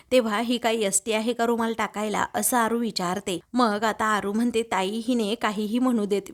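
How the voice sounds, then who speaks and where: A woman with a somewhat high voice narrates a recap of a television serial episode. She moves through each scene and reads out what the characters say in her own voice. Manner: retells scenes by reading out the characters' lines.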